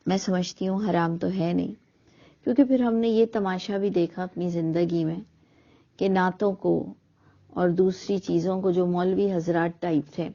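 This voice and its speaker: A woman's voice: on the low side, fairly even intonation, gravelly, warm tone. A middle-aged woman giving an earnest, argumentative monologue full of rhetorical questions. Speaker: speaker on religious questions. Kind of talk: reflective monologue. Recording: dull lo-fi recording.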